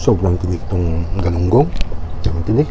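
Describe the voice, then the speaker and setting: A man's voice: low voice, unhurried, noisy background. A man hosting a mukbang vlog, chatting casually about the food while chewing as he talks. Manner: relaxed, savoring commentary on food. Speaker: mukbang vlogger. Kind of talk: casual eating vlog talk.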